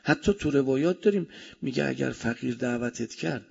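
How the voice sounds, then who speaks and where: A man preaching a sermon with speech, swinging between loud emphasis and soft asides. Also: mid-range voice, gravelly, breathy edge. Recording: dull lo-fi recording.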